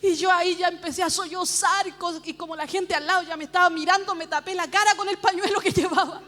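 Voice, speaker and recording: Very high-voiced woman pastor, echoing church hall. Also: fast talker. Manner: lively storytelling, laughing at herself. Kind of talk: personal testimony sermon. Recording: long church hall reverb.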